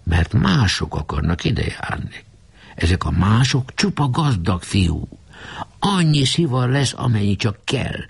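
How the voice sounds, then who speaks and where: A man's voice: lowish voice, very animated, gravelly, breathy edge, pitched above the performer's own voice, full character voice. A man voicing a scheming teenage boy who talks in a wheedling way.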